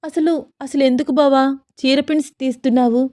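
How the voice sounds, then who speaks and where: A woman's voice: sits high, steady tone, a little fast, warm tone, dry recording, studio quality, pitched above the performer's own voice, lightly acted. A woman voicing a shy, nervous young newlywed wife who sounds coy and pleading.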